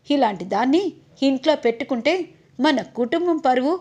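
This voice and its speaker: A woman narrator voicing an angry, domineering rich matriarch who scolds loudly in a retold serial. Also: sits high, animated, moderate pace, muffled recording. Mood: furious. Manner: scolding, loud.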